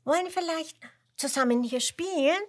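A cheeky high-voiced penguin, as a woman puts him on. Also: very animated, unhurried, vocal fry, fairly bright tone, exaggerated voice. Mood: cheeky, cheerful. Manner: perky, laughing, bouncy. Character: cheeky cheerful small penguin, male.

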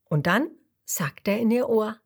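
A woman narrating a children's bedtime story gently and expressively, dropping into whispers and asking the listener questions. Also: medium pitch, animated, unhurried, vocal fry, breathy edge.

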